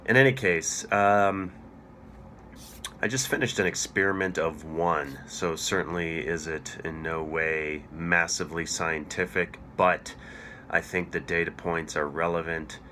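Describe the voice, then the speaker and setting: A middle-aged man who hosts a cycling coaching channel, talking through his experiment in a hoarse, froggy voice from a chest cold. He explains at an even clip and checks his notes as he goes. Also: sits low, measured pace, slight background noise. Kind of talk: casual explanatory video talk.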